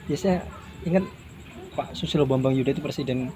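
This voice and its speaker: A man hosting a casual interview, asking quick questions and giving short affirmations. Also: medium pitch, a crowd in the background. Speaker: host.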